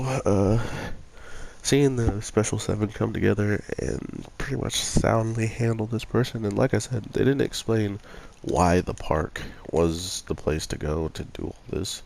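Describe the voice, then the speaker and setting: A man's voice: on the low side, a little slow, vocal fry, darkish tone. A young man with a stuffy cold, sniffling as he reviews an anime episode in a rambling casual chat full of fillers. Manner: rambling, many fillers like "like" and "you know".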